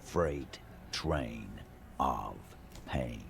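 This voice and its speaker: A man voicing a gruff, surly tough guy who runs the docks, blunt and crude in a video game reading. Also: a bass voice, animated, extremely slow, fairly bright tone, a little hiss or hum, pitched below the performer's own voice, full character voice. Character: gruff, surly tough male dock boss.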